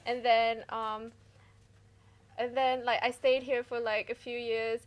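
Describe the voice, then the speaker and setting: A young woman from Malaysia, a guest answering in a halting way with lots of "like" and "um". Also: on the high side, little pitch movement. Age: young adult. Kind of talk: casual interview.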